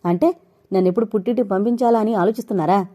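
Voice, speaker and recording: A woman voicing a shrill, tearful young wife. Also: racing, warm tone, close to an everyday voice. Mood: angry, tearful. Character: bitter young wife, mother of four.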